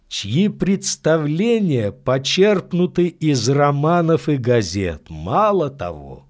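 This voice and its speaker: An insightful priest in a spoken-word story, as a male reader plays him, laying out his reasoning like an official report. His voice lifts above the narration and moves animatedly, at an unhurried, deliberate pace. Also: fairly high pitch, a little mellow. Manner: earnest, explanatory, matter-of-fact. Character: calm, insightful middle-aged priest.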